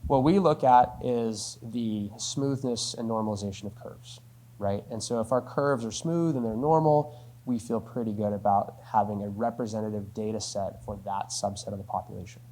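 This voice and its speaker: Here a spokesperson with a lowish, warm voice speaks at normal speed, answering questions for his company. He breaks a business question down step by step in a conversational way, often checking in with "right?".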